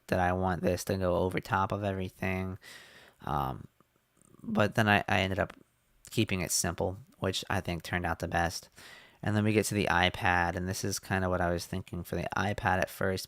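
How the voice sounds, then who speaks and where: A man explaining his website design in a casual screen-share walkthrough, relaxed with fillers, a little hoarse as he is losing his voice. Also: low voice, no echo, studio quality. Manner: relaxed, many fillers and restarts.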